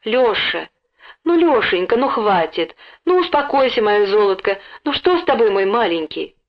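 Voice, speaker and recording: A woman's voice: medium pitch, animated, measured pace. A woman voicing an emotional, genteel mother in a storybook, speaking in trembling exclamations. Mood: soothing. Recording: dull lo-fi recording.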